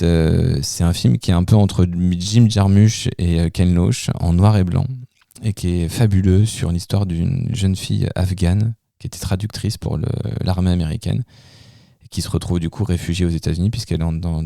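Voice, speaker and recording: A man's voice: sits low, steady tone, normal speed, gravelly, warm tone, no echo, studio quality. A man hosting a radio music show, chatting casually about songs and hesitating often with fillers and restarts. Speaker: radio host presenting music. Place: radio studio.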